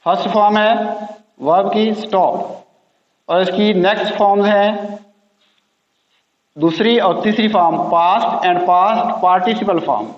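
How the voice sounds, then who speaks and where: A man with a high voice teaches pronunciation in a slow, patient classroom style, repeating each word over and over. His voice rings with a long, echoey reverb, and the recording sounds dull and lo-fi. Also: steady tone. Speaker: English teacher.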